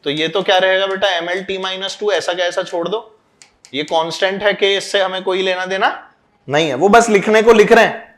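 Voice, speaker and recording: A man's voice: sits high, fairly even intonation, brisk. A man teaching a physics class, quizzing and scolding students as he mixes in English terms. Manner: loud, scolding and urging. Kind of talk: classroom lecture.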